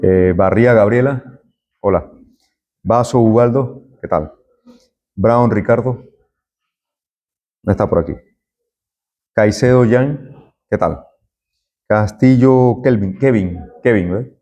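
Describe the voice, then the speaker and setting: A man's voice: fairly low pitch, takes it slowly, long pauses, mellow. A middle-aged man, a university lecturer taking roll and chatting with students in a classroom. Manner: friendly, chatty, jokes with students.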